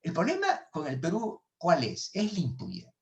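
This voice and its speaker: A man's voice: a little high, huge pitch swings, normal speed, gravelly. A middle-aged man with a Peruvian Spanish accent, giving an economics lecture in a webinar, stumbling over his words and restarting often, heard over a video call. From Peru. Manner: hesitant, many restarts and repeated words. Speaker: economics professor. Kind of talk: webinar lecture answering questions.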